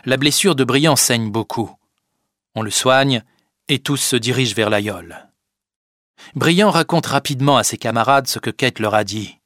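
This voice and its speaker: Guy reading an adventure storybook, measured and clear, mid voice, dry no-room sound. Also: mid-range voice, fairly bright tone, dry recording. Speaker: narrator. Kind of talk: storybook narration.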